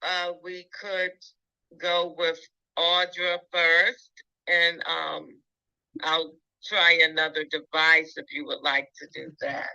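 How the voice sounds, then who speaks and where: A woman's voice: deep voice, level tone, slow, vocal fry, pushed and bright, clear, resonant tone, highs cut off. A woman guest speaker talking hesitantly, with many fillers, through a phone on speakerphone. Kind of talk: casual talk on a video call.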